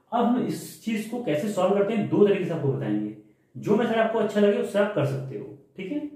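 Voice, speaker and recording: A man teaching a maths lecture, explaining step by step and often pausing to ask if students follow. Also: sits high, mellow. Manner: explains step by step, asks rhetorical check questions. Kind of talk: classroom lecture. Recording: very echoey room.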